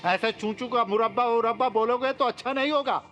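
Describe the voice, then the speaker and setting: A man dubbing a blustering villain who makes loud threats. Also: extremely high pitch, a little fast, lo-fi sound. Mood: angry. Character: blustering middle-aged male villain, threatening. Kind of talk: Hindi film dub. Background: loud film score.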